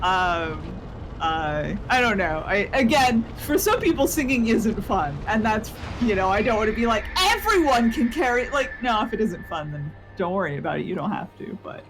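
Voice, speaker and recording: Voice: medium pitch, lively intonation, normal speed, poor audio. A co-host on a gaming stream chatting casually and telling a rambling story. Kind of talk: casual chat. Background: game music.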